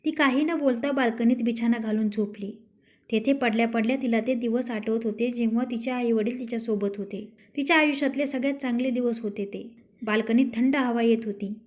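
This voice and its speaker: A woman narrating a storybook tale she wrote, in an even, plain telling. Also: a little high, a little fast. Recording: dull lo-fi recording.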